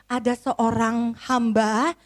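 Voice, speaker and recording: A woman's voice: on the high side, takes it slowly, no room sound. A woman teaching Sunday school, telling a bible story to children and asking them questions. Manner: lively, asks the children questions.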